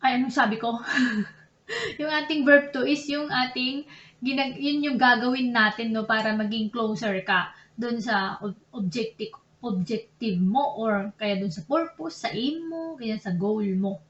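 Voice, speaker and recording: Chatty Filipina teacher, roomy dull recording. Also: female voice, fairly high pitch, a little slow, fairly bright tone. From Philippines. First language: Tagalog. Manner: chatty, self-correcting, laughs at own slips. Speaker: Japanese language teacher. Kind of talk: casual online lesson in Tagalog and English.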